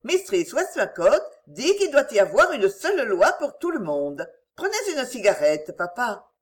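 A woman's voice: fairly high pitch, measured pace. A woman doing earnest young Clara. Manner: calm, earnest, matter-of-fact. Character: earnest, self-assured eldest daughter, young woman.

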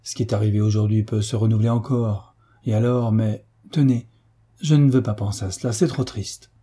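Man voicing a gentle young soldier. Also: fairly low pitch, steady tone, fairly quick, husky. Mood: earnest. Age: young adult. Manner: gentle, reasonable, reassuring. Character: kind earnest young soldier nephew.

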